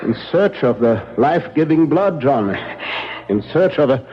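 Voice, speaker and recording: An actor playing a grave, commanding older professor who hunts vampires, speaking deliberately and formally in a 1970s radio drama. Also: male voice, mid-range voice, lively intonation, close to an everyday voice. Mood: solemn, purposeful. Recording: muffled, noisy 1970s radio broadcast.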